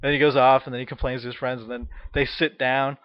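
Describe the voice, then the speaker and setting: A man telling a funny story in casual chat, ranting with profanity and animated energy. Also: mid-range voice, fast, dry recording. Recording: dull, dry lo-fi sound.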